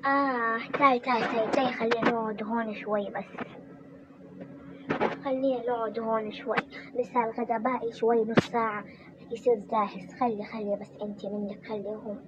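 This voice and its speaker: A woman's voice: a little high, flat delivery, brisk, lightly acted. A woman voicing a weary young wife in a toy role-play drama, chatting and complaining about her in-laws. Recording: muffled with background noise.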